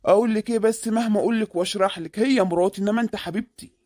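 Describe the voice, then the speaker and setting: A woman's voice: medium pitch, rapid-fire, warm tone, no room sound, studio quality, close to an everyday voice. A woman voicing a scheming middle-aged married man in a comic cartoon, with an Egyptian accent and a sweet-talking, evasive manner. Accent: Egyptian Arabic.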